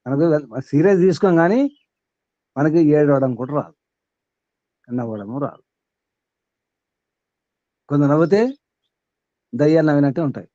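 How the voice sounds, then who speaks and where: A man's voice: on the high side, normal speed, long pauses, mellow, no room sound, muffled recording. A man acting as spiritual teacher, giving a sermon to a small group, questioning his listeners and reeling off long lists.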